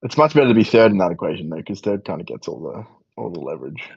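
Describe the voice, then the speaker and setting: Husky low-voiced man in teasing banter. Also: very animated, fast talker, no room sound, lo-fi sound. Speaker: player. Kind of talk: casual gaming chat.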